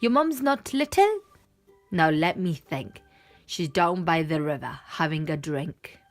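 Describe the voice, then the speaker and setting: A woman's voice: sits low, lively intonation, a little slow, faint music behind. A woman voicing a helpful but muddled butterfly in a children's picture book, eagerly coaxing and confident as a guide.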